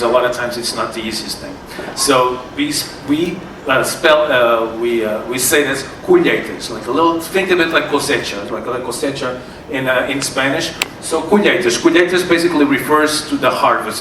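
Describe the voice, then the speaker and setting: A sommelier with a Portuguese accent gives a wine seminar in an event hall set with tasting tables. His mid-range voice comes out haltingly, full of fillers and restarts. He's picked up from far off in an echoey, noisy room.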